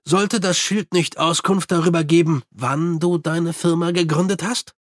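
A man voicing a gruff middle-aged watch sergeant who speaks in a dry, clipped, ironic way in an audiobook. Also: on the high side, steady tone, unhurried, no echo, lightly acted. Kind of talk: audiobook character voice.

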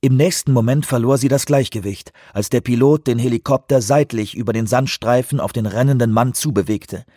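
A man narrating an audiobook in a measured, tense storytelling voice with a husky tone. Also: mid-range voice, dark tone, no echo, clean studio sound. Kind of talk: scripted narration.

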